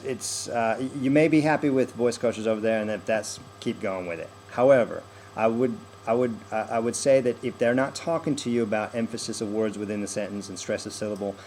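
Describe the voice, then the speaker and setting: An American dialect coach with a fairly low, darkish voice introduces himself directly to the camera, with slight background noise. He explains accent stress with many fillers and restarts, demonstrating sentence stress by example.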